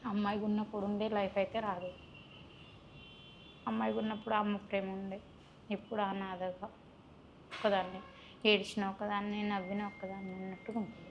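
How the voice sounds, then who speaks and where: A woman's voice: mid-range voice, little pitch movement, a little fast, pauses often, slight background noise. A young woman, recounting her personal story in a plaintive, heartfelt way as an interview guest. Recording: muffled recording.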